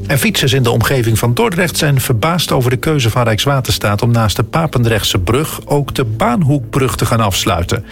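A man's voice: mid-range voice, gravelly. A man with a Netherlands Dutch accent reads a scripted radio news bulletin. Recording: music bed behind the voice. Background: music.

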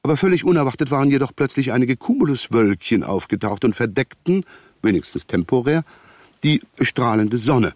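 A man's voice: medium pitch, expressive, brisk, darkish tone, no echo, natural voice. In a dry, close sound, an actor plays the male narrator of a radio crime drama, a detective's easily exasperated friend. He tells it in wordy, conversational sentences full of wry irony. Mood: wry, musing.

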